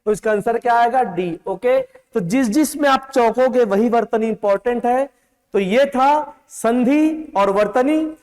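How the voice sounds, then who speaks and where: A man teaches an exam-prep class, drilling correct and wrong spellings and stopping often to ask whether students follow. His voice sits very high for a man. The sound carries a long echo, like a large hall. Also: measured pace, darkish tone. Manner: drills spellings, calls students beta, repeats "clear hai?".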